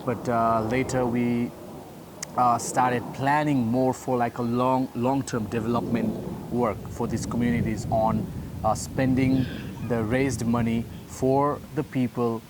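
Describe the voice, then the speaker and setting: Man, halting, noisy recording. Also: medium pitch, flat delivery. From Nepal. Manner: halting, uh fillers. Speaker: pastor trainer. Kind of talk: casual storytelling. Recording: noisy background.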